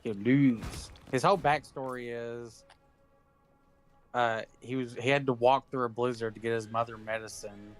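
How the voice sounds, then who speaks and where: A man's voice: mid-range voice, fairly even intonation, moderate pace. Laid-back swearing guy, laughing often. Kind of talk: casual chat while gaming. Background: game music.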